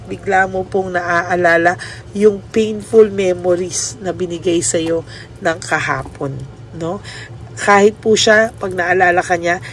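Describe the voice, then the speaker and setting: Gentle woman host giving a personal reading. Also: fairly low pitch, slight background noise. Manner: polite, says "po" often and ends many lines with a questioning "no?"; mixes English words into Tagalog speech. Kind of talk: soft-spoken reading addressed to the listener.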